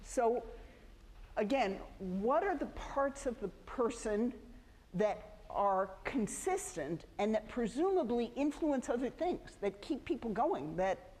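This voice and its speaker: A woman's voice: on the high side, darkish tone. Woman professor, casual lecture delivery with self-corrections, recorded in a reverberant hall. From United States. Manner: conversational, self-correcting, with frequent restarts. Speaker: sociology professor. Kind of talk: university lecture. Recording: echoey lecture hall with faint ambience.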